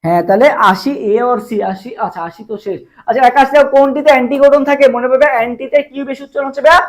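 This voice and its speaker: Young bangladeshi guy tutoring online, high voice, talks fast, keeps repeating the question. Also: lo-fi sound. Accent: Bangladeshi Bengali. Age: young adult. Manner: fast, repetitive quizzing of viewers, drills answers with memory tricks. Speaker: admission exam tutor. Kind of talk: live online exam-prep lesson.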